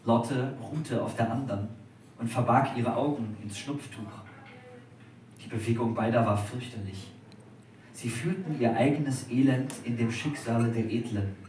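Male reader, dramatic literary reading, heard from far off in a very echoey dining room with faint background noise. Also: medium pitch. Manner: measured, expressive. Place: restaurant at a live dinner reading.

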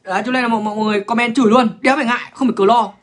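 A man's voice: extremely high pitch, steady tone, very fast, fairly bright tone. A man, ranting bluntly and crudely to viewers on a livestream. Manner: crude, profane, blunt, lecturing.

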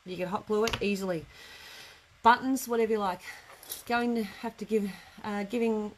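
A middle-aged woman with a medium-pitched, fairly even voice talks at a moderate pace as she teaches a live craft class. She chats informally and somewhat ramblingly in an indoor craft studio workroom. The recording is low quality, with noticeable background noise from the room.

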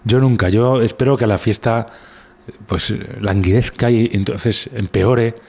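A man's voice: on the low side, steady tone, a little slow, a little mellow, husky. A man with a Spanish accent, a guest comedian telling rambling anecdotes in casual conversation, with many restarts.

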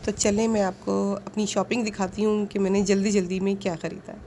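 A woman narrating a casual shopping vlog, speaking politely and earnestly, pausing with fillers now and then. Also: mid-range voice, little pitch movement. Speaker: vlogger.

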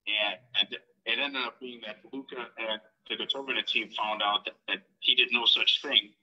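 A man's voice: mid-range voice, steady tone, pushed and bright. Man heard over a phone speaker. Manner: halting, many fillers, indignant. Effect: heard through a phone on speaker. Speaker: guest calling in. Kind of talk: casual recounting on a live stream. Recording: dull lo-fi phone sound.

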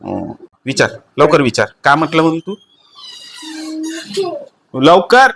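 A man's voice: fairly high pitch, very animated, unhurried, creaky, a bit bright, slight background noise. A man with a Marathi accent hosting a casual family vlog, chatty, coaxing and playful. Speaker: vlog host.

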